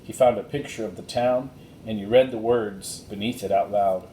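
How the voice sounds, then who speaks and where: A male reader performs a children's chapter book, reading the scripted text in a measured, expressive manner. The recording sounds echoey and roomy, with slight noise and rumble underneath.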